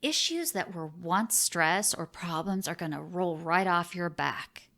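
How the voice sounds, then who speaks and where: A woman presenting a spiritual self-help lesson in a deliberate, earnest manner, stressing key phrases as a teacher would. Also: on the low side.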